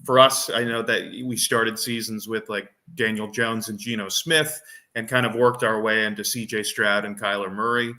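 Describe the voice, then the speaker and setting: A man's voice: lowish voice, steady tone, normal speed, pushed and bright. A man co-hosting a fantasy football podcast, explaining his reasoning in casual chat and thinking aloud with frequent restarts and fillers.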